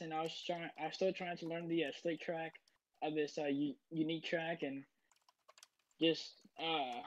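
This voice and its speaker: Guy on a muffly lo-fi mic, kinda higher voice, um-ing through his race recap. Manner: hesitant, full of fillers. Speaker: sim racing driver interviewed after a race. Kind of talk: casual post-race interview. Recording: dull lo-fi mic.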